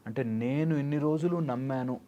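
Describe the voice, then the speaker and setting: A man's voice: mid-range voice, normal speed, mellow, dull audio. A man speaking as a life coach in an interview, explaining through everyday examples and mixing in English phrases. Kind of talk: interview answers.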